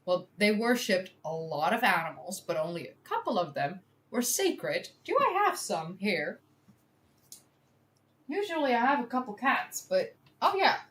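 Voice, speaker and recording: Slow, lively Dutch woman streamer. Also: mid-range voice. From Netherlands. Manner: thinks aloud, chatty and self-deprecating, laughs often. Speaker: streamer doing a history quiz. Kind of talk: casual live-stream chat.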